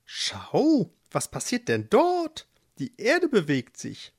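A storyteller voicing a flock of excited, gossiping doves with shrill cooing calls for a children's storybook. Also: slow pace, husky, full character voice.

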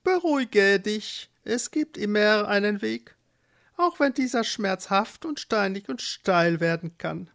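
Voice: medium pitch, animated, takes it slowly, gravelly, fairly bright tone, voice pushed up, full character voice. A storyteller voicing a pompous, theatrical male flamingo who drops French phrases, for a children's storybook.

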